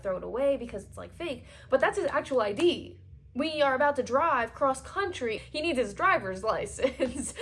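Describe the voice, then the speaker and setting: A woman in her twenties telling a storytime vlog, chatty and animated, full of fillers, acting out what people said. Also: on the high side, creaky. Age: 20s. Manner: chatty and animated, lots of "like", voices quoted people. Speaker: vlogger. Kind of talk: storytime vlog, casual retelling.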